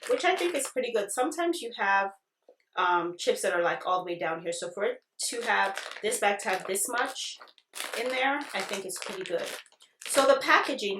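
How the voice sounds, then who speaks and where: A woman's voice: medium pitch, background noise. A woman giving a casual product review, chatting directly to her viewers in an informal way. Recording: echoey, roomy sound.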